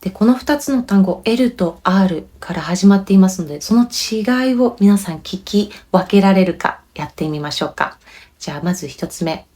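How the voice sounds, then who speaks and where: Japanese-accented woman, language teacher, patient clear explaining, pronunciation lesson, mid pitch. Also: animated, normal speed, dark tone.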